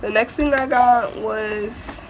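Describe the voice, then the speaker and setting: A woman's voice: fairly high pitch, fairly even intonation, slow, a little hiss or hum. A teenage girl vlogging an unboxing in a casual, rambling way, sick and stuffed up. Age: teens. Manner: rambling, many fillers.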